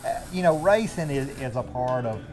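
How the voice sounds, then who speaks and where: A man, a racing driver chatting in a halting, reflective way. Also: mid-range voice, expressive, poor audio. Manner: halting, reflective, leans on "you know". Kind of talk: casual interview chat. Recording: music behind the voice.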